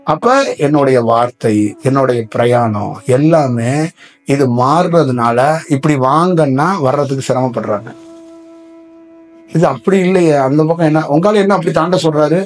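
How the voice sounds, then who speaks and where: A man's voice: on the high side, normal speed. Spiritual teacher, male, slightly raised voice, loose rambling delivery, faint music underneath. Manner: rambling, asks many rhetorical questions. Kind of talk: spiritual discourse to listeners.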